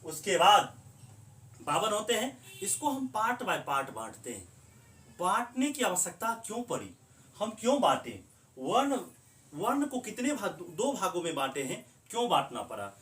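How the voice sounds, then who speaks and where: A man's voice: high-pitched, huge pitch swings, measured pace, a bit bright. A man teaching a grammar lesson, who asks the class questions and then answers them himself. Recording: echoey room, voice from a distance.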